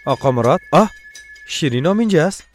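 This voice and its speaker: A man's voice: on the high side, expressive, faint music behind, close to an everyday voice. An actor dubbing a stubborn man who insists on terms and gives an ultimatum. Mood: insistent.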